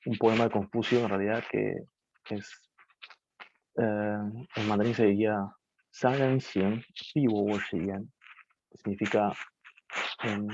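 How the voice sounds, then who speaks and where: A man gives a casual webinar talk on learning Mandarin. He hesitates and restarts often, and grows animated when he tells anecdotes. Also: lowish voice. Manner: hesitant, many restarts and fillers, animated when telling stories. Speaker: Mandarin teacher speaking at a webinar. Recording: dull lo-fi video call audio, faint noise.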